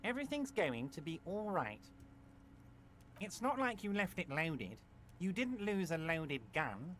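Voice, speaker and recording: A high, sing-song fussy businessman, game dialogue, music under. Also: sing-song, a little slow, a bit bright, slight background noise, heavily acted. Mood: reassuring. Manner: soothing, overly reassuring. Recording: game audio with music behind.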